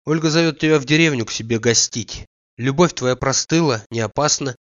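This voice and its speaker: A man reading aloud and voicing a calm, warm male friend who speaks in a measured, reassuring way, on a dull, dry recording. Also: mid-range voice, no echo, natural voice. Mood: persuasive.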